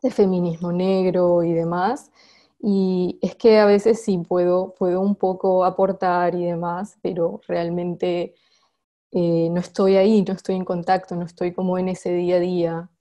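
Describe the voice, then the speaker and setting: A woman answers reflectively in an interview as a poet, haltingly, often repeating words as she searches for the next one. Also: lowish voice, flat delivery, mellow. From Colombian Caribbean coast.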